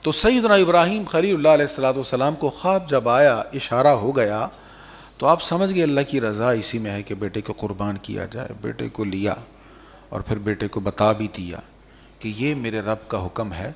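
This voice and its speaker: A man's voice: medium pitch, gravelly, slight background noise. Emotive preacher, man. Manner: emotive, swings between soft tender quotes and loud emphatic stress; quotes Arabic verses and explains them. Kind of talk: Islamic sermon.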